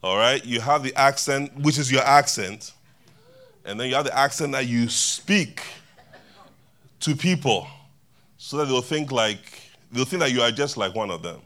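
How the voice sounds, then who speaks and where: A man's voice: medium pitch, animated, normal speed, pushed and bright. A man preaching a sermon to a church congregation in a loose, conversational way, joking and chatting with the people in the pews. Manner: conversational, laughing, banters with congregation.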